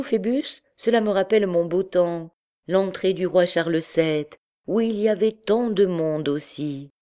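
A woman's voice: deep voice, warm tone. A woman doing a chatty old noble lady. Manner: rambling, reminiscing.

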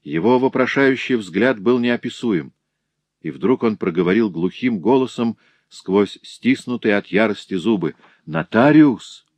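A man narrating a dramatic classic novel as an audiobook, steady storytelling on a close mic. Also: lowish voice, measured pace, no room sound.

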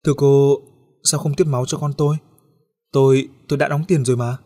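A man's voice: mid-range voice, steady tone, brisk, warm tone, long reverb tail, pitched above the performer's own voice, natural voice. A man voicing an anxious mother who timidly questions a nurse, stammering with fear. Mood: fearful. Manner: fearful, stammering.

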